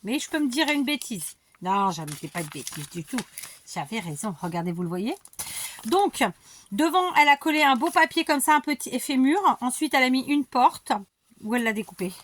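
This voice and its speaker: A woman's voice: sits high, animated, brisk. A middle-aged woman hosting a casual scrapbooking show-and-tell from her craft desk, gushing with enthusiasm and poking fun at herself. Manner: enthusiastic, gushing, self-mocking. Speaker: scrapbooking channel host.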